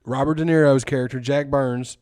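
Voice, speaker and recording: A man's voice: mid-range voice, fairly even intonation, a little fast, a little mellow. A young man with an ordinary mid-range voice chats as a podcast co-host. He rambles cheerfully and peppers his talk with slang. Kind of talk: casual chat.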